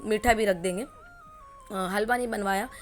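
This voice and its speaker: A woman's voice: mid-range voice, steady tone, unhurried, soft background music. A woman in her forties talking casually through a family vlog at home, rambling with lots of fillers. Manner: chatty, rambling, many fillers. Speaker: family vlogger. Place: home kitchen.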